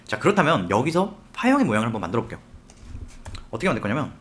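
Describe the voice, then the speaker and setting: A man teaching a software tutorial step by step, often asking the viewer questions as he works. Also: mid-range voice, sing-song, rapid-fire. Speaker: software instructor. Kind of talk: screen-recorded tutorial.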